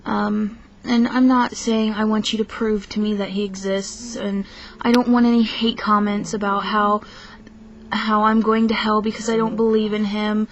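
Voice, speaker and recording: A woman's voice: medium pitch, flat delivery, moderate pace, muffled recording. A young woman venting to the camera in a casual rant, hesitant and frank, tired from too little sleep, often stopping to restart her sentences. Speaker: vlogger. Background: faint film soundtrack music.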